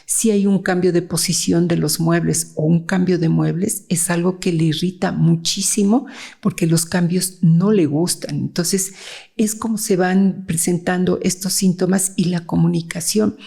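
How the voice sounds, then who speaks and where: A woman's voice: fairly low pitch, steady tone, moderate pace, vocal fry, mellow, husky. A woman child psychiatrist, explaining cases in a conversational interview, with fillers and frequent "¿sí?" checks. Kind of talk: explanatory interview talk with anecdotes.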